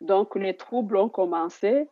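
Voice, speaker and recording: A woman's voice: medium pitch, moderate pace, highs cut off. A woman from Burundi answering interview questions reflectively, searching for words. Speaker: interviewee, entrepreneur.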